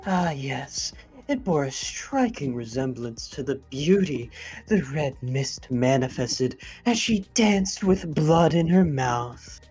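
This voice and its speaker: A woman's voice: rumbling low, animated, takes it slowly, darkish tone, faint music behind. A woman streamer who reads game dialogue aloud expressively and chats casually between the lines.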